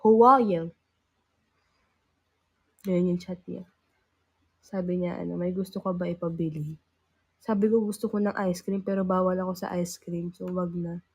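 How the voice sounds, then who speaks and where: A woman's voice: on the low side, level tone, moderate pace, slightly rough. Teen girl host, casual live chat, teasing and giggly, under the weather with a cough. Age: teens. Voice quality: loudness rises and falls. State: sick with a cough. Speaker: livestream host.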